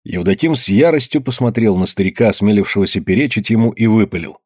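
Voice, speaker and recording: Husky male audiobook narrator. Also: on the low side, animated, fast talker, a little mellow, dry recording, studio quality.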